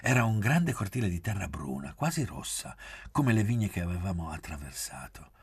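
A man narrating a literary novel as an audiobook reader, measured and soft-spoken, at times dropping almost to a whisper. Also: low voice, very animated, husky, no echo.

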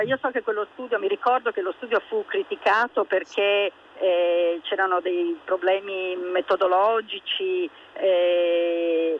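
Hesitant woman over a phone line. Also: lowish voice. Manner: hesitant, many fillers and restarts. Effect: heard over a phone line. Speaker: guest expert on a radio call-in. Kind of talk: explaining research on a radio phone-in. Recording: dull phone line with faint noise.

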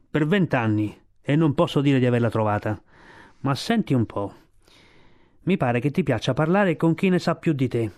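A man voicing a wise old male sea lion in a storybook reading, giving slow, measured advice. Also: medium pitch, a little mellow, lightly acted.

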